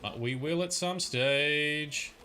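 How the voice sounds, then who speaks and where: This young man narrates a game on a livestream in a casual, chatty way, reading viewers' comments and replying to them with plenty of "um"s. His voice is fairly high and sharp in tone, and he talks slowly.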